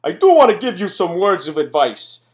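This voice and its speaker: A man's voice: high voice, sing-song, normal speed. An older man giving comic narration over videos in a grumpy, folksy, complaining way with dry exaggeration. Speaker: comic commentator. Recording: music behind the voice.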